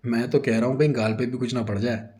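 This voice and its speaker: A man's voice: medium pitch, fairly even intonation, quick pace, mellow, lightly acted. A man doing a cheeky teasing son. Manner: cheeky, mocking.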